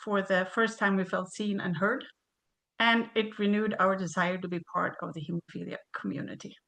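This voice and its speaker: A woman's voice: medium pitch, fairly even intonation, normal speed, creaky, fairly bright tone. Woman reading a webinar talk. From Sweden. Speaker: presenter. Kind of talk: reading a prepared webinar presentation.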